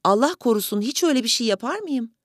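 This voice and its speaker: A woman doing a fussy, courtly little old gentleman. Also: a little high, expressive, fast, no room sound, studio quality, voice pushed up. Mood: courteous pleading. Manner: overly courteous, fussy pleading. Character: small, polite, pleading elderly gentleman.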